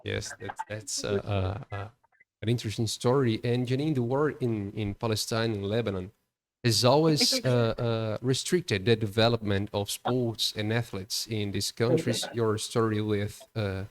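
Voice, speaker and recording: A man's voice: lowish voice, normal speed. A male interviewer asking long questions, hesitant and heavy with repeated fillers. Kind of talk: interview questions in a second language.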